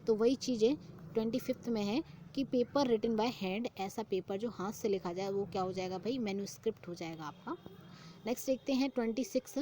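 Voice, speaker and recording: A young woman teaching an exam-prep vocabulary lesson, reading each English phrase slowly and explaining it in Hindi, often repeating the answer as a question. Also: medium pitch, warm tone, a little hiss or hum.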